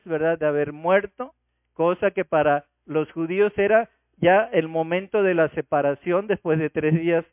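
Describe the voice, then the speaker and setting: A man's voice: sits high, no room sound. A man preaching a Sunday sermon, expounding scripture and asking rhetorical questions. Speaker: pastor. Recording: tinny phone-like radio sound.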